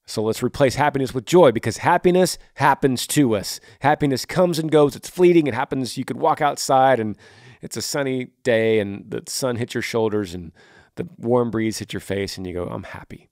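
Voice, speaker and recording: A man's voice: medium pitch, normal speed, dry recording, clean studio sound. A man in his forties hosting a podcast, answering a listener's question with earnest, encouraging, reflective advice. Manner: warm, encouraging, reflective with emphatic rises.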